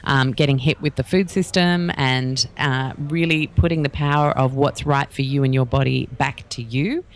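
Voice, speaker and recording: A man's voice: medium pitch, steady tone, normal speed. A man being interviewed as a guest about wellness courses, talking in a chatty, rambling way with many fillers. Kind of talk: casual podcast interview.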